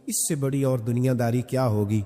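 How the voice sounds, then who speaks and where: Preacher guy, fiery sermon w/ lots of rhetorical questions, mellow dark voice, long hall echo. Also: mid-range voice, fairly even intonation. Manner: impassioned, rhetorical questions, rising and falling delivery. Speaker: Islamic preacher. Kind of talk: emotional religious sermon. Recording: reverberant hall with faint music.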